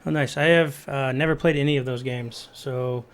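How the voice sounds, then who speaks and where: A man's voice: medium pitch, steady tone, moderate pace. A man hosting a casual gaming podcast, talking to his listeners in a friendly, upbeat way. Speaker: podcast host.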